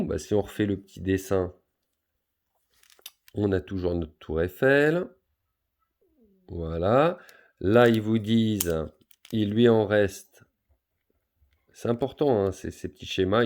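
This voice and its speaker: Gravelly-voiced French male teacher. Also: fairly low pitch, darkish tone. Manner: patient, talks pupils through each step, many fillers. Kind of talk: math lesson for pupils, explaining on a board.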